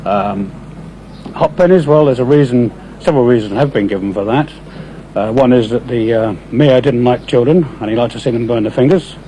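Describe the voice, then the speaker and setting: A mellow-voiced older Englishman explains things informally in an interview. He is hesitant, with small asides, recorded on location in the 1970s with faint noise behind him. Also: medium pitch, fairly quick, poor audio. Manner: hesitant, genial asides like "you see". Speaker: local interviewee explaining a town tradition.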